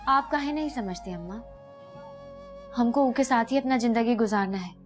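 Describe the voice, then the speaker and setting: An actress playing an earnest, anxious young married daughter, in a TV drama. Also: female voice, on the high side, normal speed, faint music behind, lightly acted. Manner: earnest, pleading. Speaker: actor.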